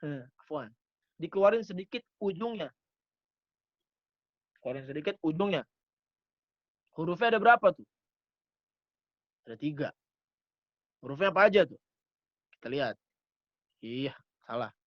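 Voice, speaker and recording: High-voiced man teaching letter sounds. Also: expressive, moderate pace, pauses often, no echo, muffled recording. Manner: demonstrates letter sounds in short repeated syllables. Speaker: Quran recitation teacher. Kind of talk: online tajwid lesson. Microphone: computer mic on a video call.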